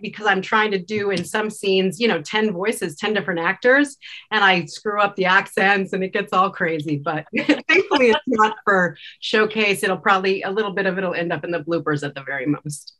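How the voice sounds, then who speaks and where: A woman who directs podcasts and acts talks in an interview over a video call, indoors, her tone conversational and emphatic. Her medium-pitched, fairly bright voice runs a little fast through the call microphone.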